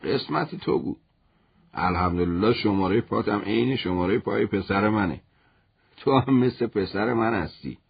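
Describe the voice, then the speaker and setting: Brief: man voicing a generous old shopkeeper father, fatherly, husky lo-fi storybook voice. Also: lowish voice, animated, exaggerated voice. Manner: warm, fatherly. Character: kind older male shopkeeper father, generous.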